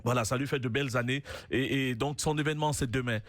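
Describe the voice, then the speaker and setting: Male radio host, middle pitch, loose and hesitant, lots of fillers. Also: steady tone, fast talker, faint music behind. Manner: hesitant, many fillers and restarts, laughs easily. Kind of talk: casual studio chat.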